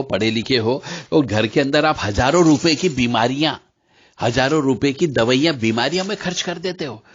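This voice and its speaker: A man teaching about mantras in a devotional lecture, speaking directly to listeners and chanting syllables slowly between explanations. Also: mid-range voice, slightly rough. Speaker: spiritual teacher. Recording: slightly dull lo-fi recording.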